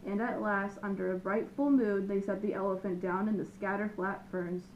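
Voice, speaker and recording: A woman reading a children's picture book aloud with lively, expressive narration. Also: medium pitch, moderate pace, lo-fi sound, a little hiss or hum. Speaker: storyteller. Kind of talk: children's storybook read-aloud.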